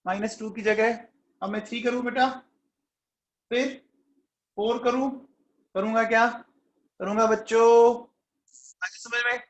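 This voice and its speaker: A man with a notably high voice teaches chemistry in an echoey classroom. He coaxes his students along, keeps asking whether they have understood, and calls on them by name to answer quickly. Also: steady tone, fairly bright tone, muffled recording. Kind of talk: classroom lecture.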